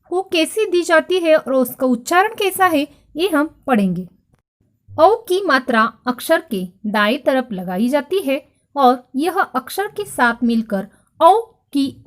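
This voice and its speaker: A woman teacher giving a slow, clear grammar lesson to children, spelling words out letter by letter and calling each word out loudly for them to repeat. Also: sits high. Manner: addresses children directly, asking them to repeat.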